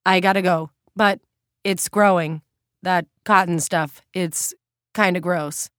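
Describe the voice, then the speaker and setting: A woman's voice: lowish voice, steady tone, takes it slowly, a bit bright, no echo, studio quality. A woman reading an audiobook, voicing a nervous male hospital orderly who speaks hesitantly in clipped, casual phrases. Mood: uneasy.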